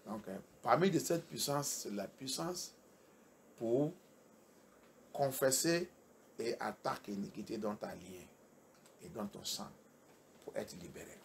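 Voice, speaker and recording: A male pastor preaching a sermon with emphatic delivery, repeating key phrases and swinging from soft to loud. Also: lowish voice, lively intonation, measured pace, creaky, pauses often, a little hiss or hum.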